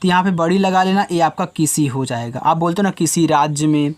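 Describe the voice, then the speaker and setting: A man teaching a reading lesson to young learners. He reads letters out slowly, one at a time, then explains each sound in a patient, steady way. He talks straight to the children, like a classroom teacher. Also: fairly high pitch. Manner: addresses the viewers as children.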